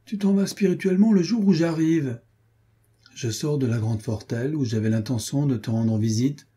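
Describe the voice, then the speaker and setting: A man voicing a boisterous, swaggering young nobleman who is out of breath and talks in a loud, mocking tone. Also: medium pitch, moderate pace, slightly rough, lightly acted. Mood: teasing.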